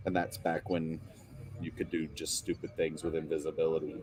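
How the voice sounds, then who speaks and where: A man's voice: very deep voice, little pitch movement, normal speed, background noise. A man co-hosting a casual chat about tabletop wargaming, telling stories and joking around. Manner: joking, storytelling, playful. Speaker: co-host.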